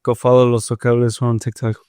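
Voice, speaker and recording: A man's voice: mid-range voice, completely flat delivery, quick pace, warm tone, clean tone, dry recording, studio quality. A young man co-hosting a casual podcast, talking hesitantly with many fillers. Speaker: podcast co-host. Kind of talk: casual chat.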